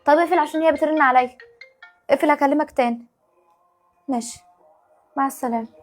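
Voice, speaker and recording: A woman's voice: sits high, fairly even intonation, soft background music, natural voice. A woman with an Egyptian accent playing a put-upon young wife and mother in a family sketch, talking in an exasperated, pleading way. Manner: exasperated, pleading, quick rapid-fire talk. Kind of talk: home-video family sketch acting.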